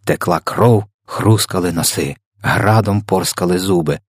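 Guy narrating a kids storybook, low husky voice, dry close sound. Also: a little slow, dry recording. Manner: expressive, dramatic reading. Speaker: audiobook reader.

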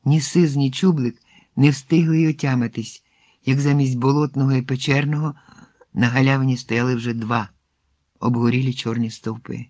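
A man's voice: medium pitch, moderate pace, no room sound. Man reading a fairy tale aloud. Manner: expressive, hushed at tense moments. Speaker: narrator. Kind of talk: storybook reading.

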